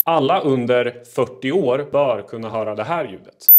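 A man talks straight to his audience in short, snappy quiz and fact clips. His voice sits in a middle pitch, and he delivers jokes and questions quickly with a deadpan edge. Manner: fast, punchy delivery with deadpan pun jokes. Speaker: TikTok creator.

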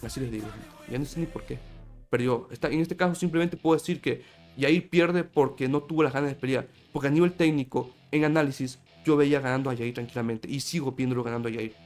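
A man's voice: mid-range voice, fast, soft background music. A man commenting on a fight in an opinion video, talking emphatically to his viewers while he has a sore throat. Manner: emphatic, repetitive, addresses viewers directly. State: sore throat, slightly feverish. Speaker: MMA commentator.

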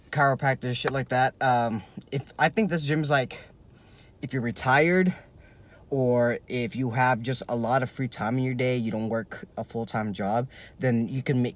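Young man vlogging from his car. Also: mid-range voice. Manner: loose and rambling, leans heavily on "like". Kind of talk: casual vlog review. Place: inside a parked car. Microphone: phone held at arm's length.

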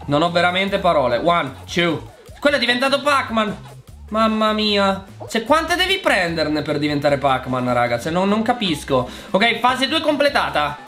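Exasperated Italian gaming commentator, lively pitch. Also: male voice, moderate pace, soft background music. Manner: chatty, exasperated, talks to viewers as "raga". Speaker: gaming YouTuber. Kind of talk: casual gameplay commentary.

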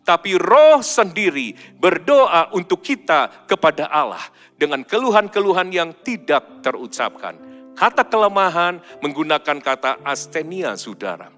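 A middle-aged male pastor preaching a sermon in an animated, storytelling way. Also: on the high side, unhurried. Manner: animated preaching with sudden loud mimicked baby cries. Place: large church hall. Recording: hall reverb with faint music.

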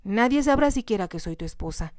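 Woman reading a heartbroken young bride, softly pleading. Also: medium pitch, expressive, a little fast, no echo, clean studio sound, voice pushed up, close to an everyday voice. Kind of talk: whispered role-play.

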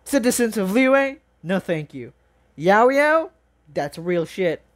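A reaction video host chats casually and excitedly, rambling and exclaiming informally. The voice is mid-range and slow.

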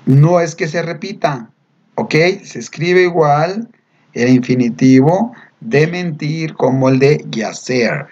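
A man teaching English verbs to Spanish speakers, repeating each word slowly and explaining patiently. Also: on the high side, expressive, a little mellow. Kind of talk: slow pronunciation drill with explanations. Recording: dull lo-fi recording.

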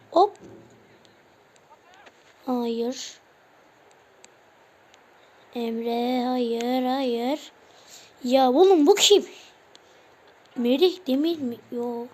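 A woman with a high voice narrates her own football video game match. She speaks slowly and loosely, shouting player names in short bursts. She grumbles at missed chances. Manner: calls out player names in quick bursts, exclaims at plays. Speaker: gaming channel host. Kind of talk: casual live gameplay commentary.

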